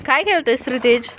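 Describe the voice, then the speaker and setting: This young vlogger and mom talks to her phone camera and gently questions her small child up on a rooftop terrace. Her high-pitched voice carries vocal fry, and the noisy outdoor phone recording has its highs cut off.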